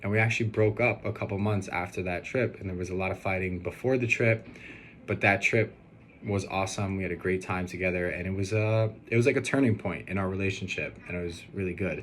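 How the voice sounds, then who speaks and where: Speaking fairly quickly in a low voice, a young man records a personal video for his upcoming wedding, answering questions with earnest hesitation and a tendency to ramble. Background noise holds steady.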